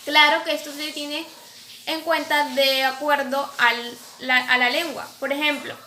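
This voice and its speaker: Female lecturer, high and bright, explaining step by step; echoey room, light hiss. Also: little pitch movement, a little slow. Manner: explanatory, asks and answers her own questions. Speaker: teacher. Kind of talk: recorded lecture over slides. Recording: echoey room, faint background noise.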